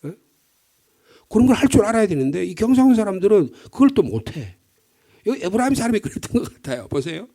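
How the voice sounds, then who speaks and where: A man's voice: high voice, sing-song, quick pace, dark tone. A middle-aged male pastor from the Gyeongsang region with a Gyeongsang accent, preaching an early-morning sermon in a conversational, storytelling way with rhetorical questions. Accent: Gyeongsang Korean. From Gyeongsang region, Korea.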